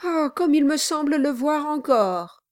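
A woman voicing a sly, obsequious male lawyer who gushes flattery in an unctuous manner, in a dry recording. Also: sits high, unhurried, no echo, voice pushed up. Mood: fawning.

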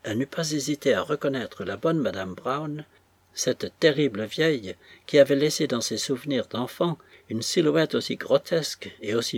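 A man reading a novel aloud as an audiobook narrator, in a measured, dramatic storytelling manner. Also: mid-range voice, slightly rough, no echo.

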